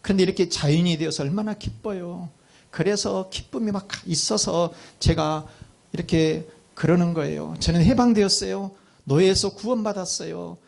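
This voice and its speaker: A man's voice: high-pitched, moderate pace, creaky, a little mellow. A man voicing a young slave girl in a sermon story, speaking in an earnest, pleading way. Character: young slave girl, frightened then overjoyed.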